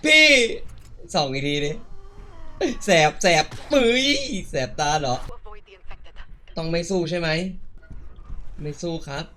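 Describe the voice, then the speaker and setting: A man streaming a horror game, talking through it with excited yelps and crude slang. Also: on the high side, slow pace, pauses often, slight background noise. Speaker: gaming streamer. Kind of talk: let's play commentary.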